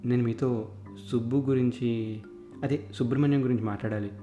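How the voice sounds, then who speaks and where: Narrator doing determined guy, pushy questions, dark voice, echoey. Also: mid-range voice, fairly even intonation, a little fast, faint music behind, lightly acted. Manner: eager, pressing questions. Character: determined middle-aged man searching for someone.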